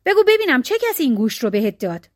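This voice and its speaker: A woman voicing a greedy, pushy rich brother in a storybook tale, insistent and wheedling, her voice high and lively. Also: dry recording, studio quality. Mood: reproachful.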